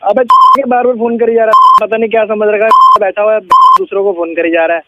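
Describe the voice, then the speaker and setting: A man's voice: sits high, steady tone, fast talker. A man on a phone call who answers bluntly and snaps back in irritation. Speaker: prank call target. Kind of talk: phone conversation. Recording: muffled noisy phone line.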